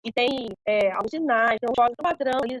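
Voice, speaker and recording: A woman's voice: fairly high pitch, quick pace, background noise. A woman moderating an online academic seminar, talking hesitantly with many fillers and tag questions.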